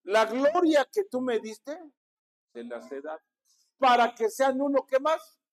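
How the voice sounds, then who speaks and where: A man's voice: extremely high pitch, sing-song, measured pace. A man with a Mexican Spanish accent, a pastor preaching a sermon and calling on his congregation to repeat after him. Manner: preaching with call-and-response to the congregation.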